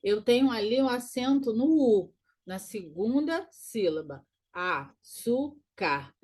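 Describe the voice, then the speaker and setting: A woman teaching grammar in a recorded lesson, walking through exam answers and slowly repeating key words. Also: a little high, animated, dark tone, slightly rough. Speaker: Portuguese teacher.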